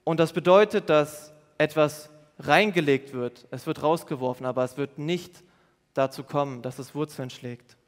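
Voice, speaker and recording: A man preaches to a youth congregation in a church hall. His voice sits a little high, earnest and patient as he explains and repeats his points. A long reverb trails after each phrase. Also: normal speed. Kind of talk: sermon.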